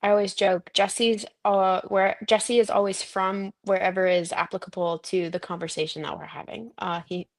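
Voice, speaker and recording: A woman's voice: mid-range voice, little pitch movement, normal speed, few pauses. Rambling woman guest from Virginia. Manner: rambling, many fillers and restarts. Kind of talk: casual chat.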